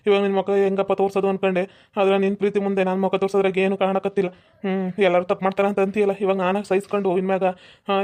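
A woman's voice: mid-range voice, a little mellow, natural voice. A woman with a North Karnataka Kannada accent voicing a remorseful grown man in a cartoon, pleading and apologizing over and over. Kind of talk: hobby cartoon voice acting.

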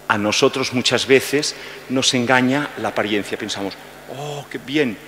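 A middle-aged male priest explaining a Bible reading at Mass in an unhurried way, often adding "¿eh?" as he goes. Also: mid-range voice, a bit bright. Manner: unhurried, explanatory, with frequent "¿eh?" asides. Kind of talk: slow homily introduction at Mass. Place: large church. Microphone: headset mic. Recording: church hall reverb, faint hum.

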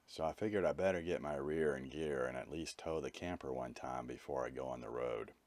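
Vlogger narrator: man with an extremely low voice, candid and matter-of-fact, dry close recording. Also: fairly quick, a little mellow, dry recording. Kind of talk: reflective voice-over narration.

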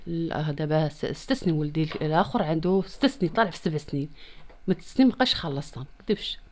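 Fast-talking Moroccan woman, plaintive. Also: deep voice, lively intonation. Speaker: interviewee appealing for help. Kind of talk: personal plea in a street-press interview. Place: small room at home. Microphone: handheld reporter's microphone close to the mouth.

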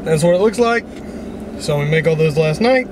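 A man's voice: on the high side, lively intonation, moderate pace, background noise. Blunt, swearing man in his truck. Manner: blunt, swears freely, motivational. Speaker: vlogger. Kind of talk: casual vlog monologue. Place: inside a parked truck. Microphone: camera on the dashboard.

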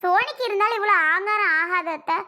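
A performer with a high voice plays a gossipy, sharp-tongued young sister-in-law in a family comedy skit, grumbling as she tells tales. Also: quick pace, exaggerated voice.

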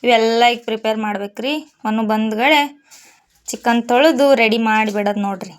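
A woman's voice: fairly high pitch, fairly even intonation, a little fast. A woman, chatting casually to viewers as she cooks at home for her vlog. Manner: chatty, addresses viewers politely with frequent "ri". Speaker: vlogger.

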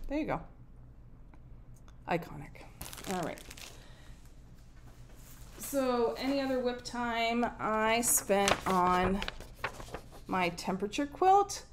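A woman in her forties from Nova Scotia, Canada, hosts a cross-stitch video and chats casually about her project, thinking aloud with lots of ums in a lowish voice. It's a show-and-tell filmed indoors in a home room with window blinds, picked up by a fixed camera at desk distance.

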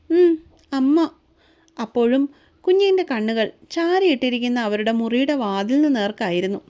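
Woman storyteller, romance novel narration, mellow warm voice, slightly high pitch, soothing emotive reading. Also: lo-fi sound.

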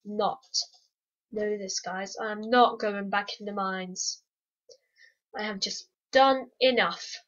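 A woman giving casual let's-play commentary, excitable and repetitive, humming and singing to herself. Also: medium pitch, slow pace, highs cut off. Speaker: gameplay commentator.

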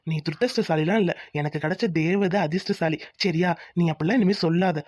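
A woman voicing a gentle, devoted young village husband who works as a mechanic. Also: lowish voice, no room sound, lightly acted. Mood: tender. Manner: gentle, reassuring, quick talk. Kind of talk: cartoon voice acting.

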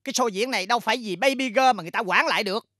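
Actress playing a dramatic, scolding company boss; bright, close, dry sound. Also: female voice, on the high side, racing, no echo. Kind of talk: sitcom acting.

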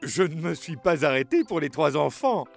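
A man's voice: fairly high pitch, sing-song, moderate pace, vocal fry, soft background music, full character voice. A man voicing a boastful runaway pancake in a cartoon, taunting in a sing-song way. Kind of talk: cartoon voice acting.

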